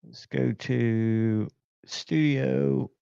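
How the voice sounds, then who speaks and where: A man's voice: medium pitch, very slow, gravelly, warm tone, smooth, no echo. Rambling man on a lo-fi live stream. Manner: rambling, talks to himself while checking screens. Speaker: livestream host. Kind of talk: casual live-stream chat.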